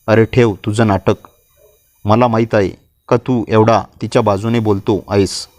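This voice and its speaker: A man's voice: lowish voice, steady tone, moderate pace, a little mellow, dry recording, close to an everyday voice. A man doing a cruel, sneering college lecturer. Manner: sneering and threatening.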